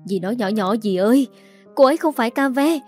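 A woman's voice: a little high, animated, fairly quick, a little mellow, soft background music, pitched above the performer's own voice, natural voice. A woman voicing an earnest young man who pleads with his stepmother in a firm but pleading way.

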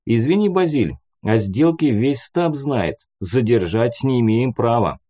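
A man voicing a gruff male checkpoint guard who reports matter-of-factly in an audiobook. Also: mid-range voice, animated, unhurried, dark tone. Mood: apologetic.

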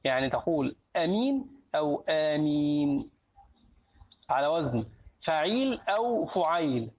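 A man's voice: a little high, big pitch swings, unhurried. A man teaching a lesson on Islamic law in colloquial Egyptian Arabic, asking his students questions and answering them himself. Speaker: sheikh teaching a hadith book. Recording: tinny lo-fi phone-like recording.

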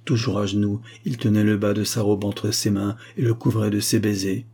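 A man narrating a classic novel as an audiobook in a measured, even manner. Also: fairly low pitch, breathy edge.

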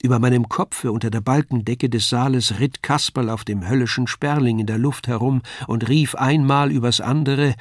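An older man reading a classic novella aloud in a measured, even storytelling manner. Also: medium pitch, no echo, clean studio sound. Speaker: audiobook narrator. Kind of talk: scripted literary reading.

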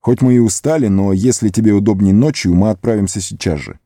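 A man's voice: fairly low pitch, quick pace, mellow, dry recording, studio quality, close to an everyday voice. A man reading stern, commanding hobbit Frodo. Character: young male hobbit Frodo, stern and resolute. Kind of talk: audiobook character voice.

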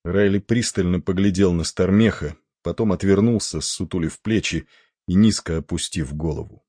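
A man narrating an audiobook in a measured storytelling manner. His voice is very deep and slightly husky. The recording is dry and close, with no room sound. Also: mellow, no room sound. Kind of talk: scripted narration.

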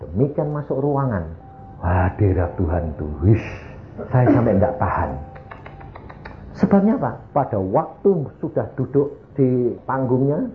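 An older man preaching a sermon, telling personal stories with sudden swings between loud, high exclamations and hushed, low asides. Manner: animated storyteller, sudden swings from loud highs to hushed lows. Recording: tinny lo-fi echoey hall recording.

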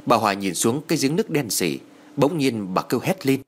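A man's voice: medium pitch, big pitch swings, fairly quick. A man narrating a ghost story audiobook in a dramatic, storytelling manner. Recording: music bed under the voice.

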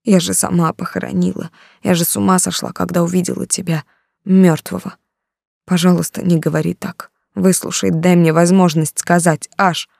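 A desperate young woman pleads and insists she is innocent, as an audiobook reader voices her. The voice is mellow and warm, and the recording is close and dry. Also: mid-range voice, flat delivery, moderate pace, creaky, dry recording. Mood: pleading. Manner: pleading, tearful. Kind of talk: audiobook character reading.

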